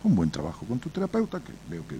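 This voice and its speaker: A man with an Argentine accent talks through a caller's problem in a blunt, salty, colloquial way, weaving in folksy anecdotes. His pitch swings widely as he tells his stories, and there is a faint hiss and low rumble behind him. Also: fast. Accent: Argentine Spanish. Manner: blunt and colloquial, swears freely; animated storyteller, addresses listener directly. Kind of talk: advice talk with storytelling.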